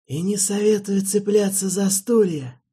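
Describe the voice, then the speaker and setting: A man reading an audiobook, voicing a blunt, mocking soldier who speaks with rough tenderness. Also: sits high, unhurried, dark tone, pitched above the performer's own voice, heavily acted. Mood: menacing. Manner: smirking and blunt. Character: gruff, mocking soldier friend, tough and blunt.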